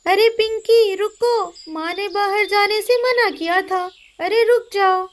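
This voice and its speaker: A woman's voice: extremely high pitch, takes it slowly, pitched above the performer's own voice. A woman voicing a young boy bird, the big brother in a cartoon. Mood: bossy.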